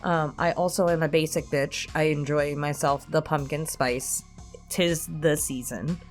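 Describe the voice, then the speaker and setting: Speaking at a measured pace in a low, steady tone, a woman runs a casual Q&A as an online creator answering subscriber questions. Soft music plays behind her while she stays candid, self-deprecating, and freely sweary.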